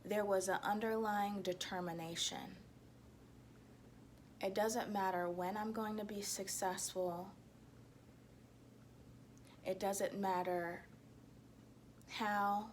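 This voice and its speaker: A woman giving a reflective self-help monologue to viewers, speaking in a deliberate, halting way with emphatic repetition. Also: medium pitch, slight background noise.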